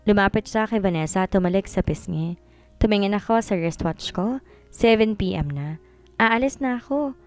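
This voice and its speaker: A woman narrating a romance story in a steady, even reading voice. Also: mid-range voice, normal speed, faint music behind.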